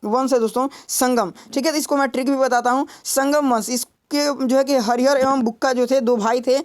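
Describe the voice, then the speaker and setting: A man's voice: very high voice, fairly even intonation, brisk, clean tone. A young man teaching an exam-prep history lesson, explaining step by step, asking rhetorical questions and checking in with "ठीक है" again and again. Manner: explanatory, repeats "ठीक है" and "दोस्तों" constantly; builds memory tricks with rhetorical questions.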